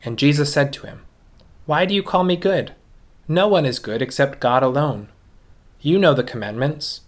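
A man's voice: a little high, normal speed. A man, a priest, speaking steadily at a pulpit microphone, reading the gospel and preaching a homily in a church. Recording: long church reverb.

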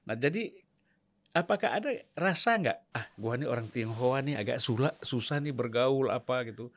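A man hosting a casual interview, who speaks slowly and deliberately, with many hesitations. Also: mid-range voice, lively intonation. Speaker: host.

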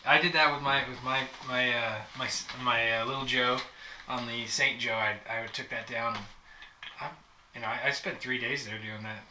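A man's voice: medium pitch, steady tone, moderate pace, sharp tone. A man hosting a casual chat, asking questions and trading stories. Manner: chatty, prompts with questions. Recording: echoey room, mic at a distance, faint noise.

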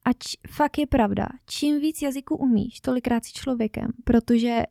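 Gravelly, dark-voiced woman chatting. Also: a little high, no echo, studio quality. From northern Bohemia, Czechia. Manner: chatty and animated, laughs often. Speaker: podcast guest, travel content creator. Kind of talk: casual podcast chat.

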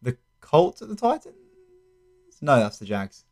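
A man's voice: fairly high pitch, huge pitch swings, unhurried. A young man with a South London accent, co-hosting a sports podcast in casual chat. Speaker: podcast co-host.

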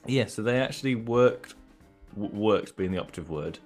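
A man with a fairly low voice co-hosts a motoring podcast, rambling through jokes with plenty of fillers and restarts. Faint music sits underneath him. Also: lively intonation, normal speed, a little mellow. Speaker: podcast co-host. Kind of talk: casual chat.

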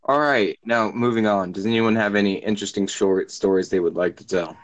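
A man's voice: on the low side, steady tone, fairly quick, no room sound, low-quality recording. A young man chatting casually on a friends' call podcast, teasing and crude, often talking over the others. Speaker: podcast co-host. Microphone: home mic on a call.

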